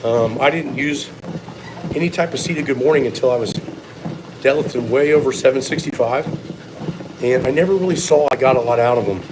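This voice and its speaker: A man's voice: medium pitch, a little fast, long pauses, noisy background. A man giving blunt, opinionated, sometimes profane answers in a casual live question-and-answer chat as a strength coach.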